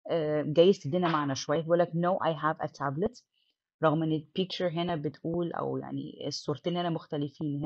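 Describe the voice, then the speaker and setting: A woman's voice: sits low, darkish tone, no room sound, muffled recording. A woman with an Egyptian Arabic accent teaching an English lesson, mixing English words into her Arabic explanation.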